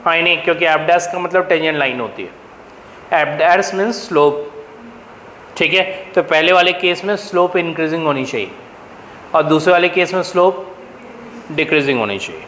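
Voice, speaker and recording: A man's voice: a little high, moderate pace, long pauses, fairly bright tone, roomy sound, big-room sound, a little hiss or hum, low-quality recording. A man teaching a math class, firing questions at his students and answering them himself, with an Indian accent. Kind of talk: classroom lecture.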